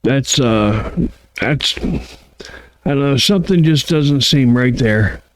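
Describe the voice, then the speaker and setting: A man's voice: mid-range voice, lively intonation, no room sound. A drowsy man co-hosting a podcast, talking casually and repeating his points. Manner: drawn-out, repeats himself. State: sleepy, yawning. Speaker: podcast co-host. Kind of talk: casual chat.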